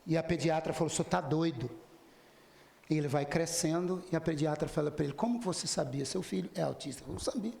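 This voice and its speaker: A man with a somewhat high, gravelly voice delivers a spiritist lecture as a story. He slips into the quoted lines of the people in it and turns to address the audience directly. The sound carries the echo of a hall. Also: fast, a little mellow. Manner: retells dialogues in quoted voices, speaks directly to listeners. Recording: echoey hall.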